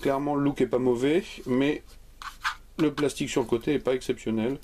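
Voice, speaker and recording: A man's voice: mid-range voice, fairly quick, a little hiss or hum. A man hosting a hardware video channel, chatting jokily and casually as he unboxes a product live. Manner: jokey, lively, chatty. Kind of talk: unscripted unboxing commentary.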